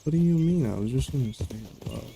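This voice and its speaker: A man's voice: medium pitch, expressive, quick pace, creaky. A young man from Arizona with no regional accent, giving casual, jokey let's play commentary and swearing freely. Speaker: gamer streaming a playthrough. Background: game music and horse hooves.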